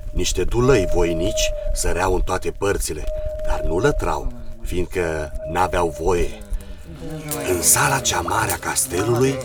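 A man with a very deep voice narrates a fairy tale at a measured pace. He sounds set back from the mic, and noise runs under the recording. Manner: measured, even storytelling. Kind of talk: scripted storybook narration. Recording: distant, noisy recording.

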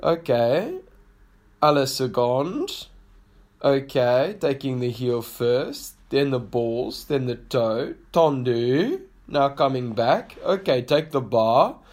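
A man imitating a gentle male South African ballet teacher who softly whispers instructions. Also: mid-range voice, expressive, moderate pace, lightly acted. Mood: gently instructive.

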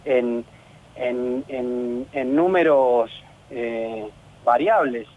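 Argentine man on a tinny phone line. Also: mid-range voice. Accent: Argentine Spanish. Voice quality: halting, many restarts and fillers. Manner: earnest, frustrated. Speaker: professional footballer. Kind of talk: radio interview.

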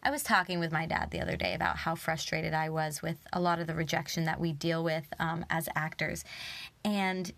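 Earnest young woman, low dry voice. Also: a little fast, creaky, no room sound. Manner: earnest, animated, drops to whispers for emphasis. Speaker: motivational speaker. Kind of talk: casual motivational talk.

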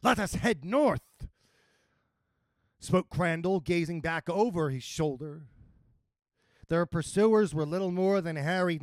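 A man narrating a comic fantasy story in a playful, expressive way. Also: on the high side, dry recording, clean studio sound.

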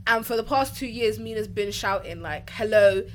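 A young woman, co-hosting a casual podcast chat, talkative and quick to laugh. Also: fairly high pitch, lively intonation, slight background noise. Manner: chatty, laughing, slangy. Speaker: podcast co-host.

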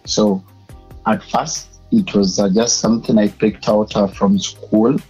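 A man's voice: fairly low pitch, level tone, unhurried, darkish tone, slightly rough, highs cut off, soft background music. A young Ugandan man with a Ugandan English accent, a media personality and public speaker, answering interview questions in a hesitant way with many filler sounds. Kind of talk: casual interview.

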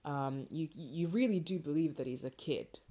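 This podcast host is a woman whose dark-toned voice sits low, moving at a moderate pace. Speaking informally and with some hesitation, she rambles through a casual solo show. She records in her home garage, an indoor parking space, on an improvised mic, giving it an amateur sound.

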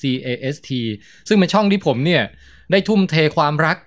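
A man's voice: sits high, animated. A man chatting casually on a podcast, playful and joking. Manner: playful, joking, fast-talking. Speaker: podcast guest.

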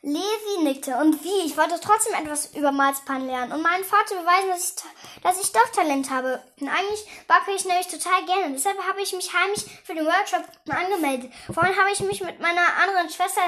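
A woman's voice: very high-pitched, a little fast, a bit bright. A young woman reading a children's detective story aloud, with frequent slips and restarts, giving the characters light voices. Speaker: reader.

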